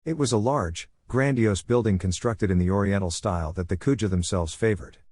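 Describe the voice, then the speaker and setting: A man narrating a fan-fiction story, reading in a steady, measured way. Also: fairly low pitch, no room sound.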